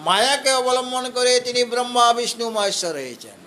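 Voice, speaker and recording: A man with a Bengali accent giving a scripture discourse, explaining step by step, chanting Sanskrit verses slowly and asking rhetorical questions. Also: very high-pitched, very animated, bright, forceful tone, a little hiss or hum. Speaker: spiritual teacher. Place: hall of a spiritual society.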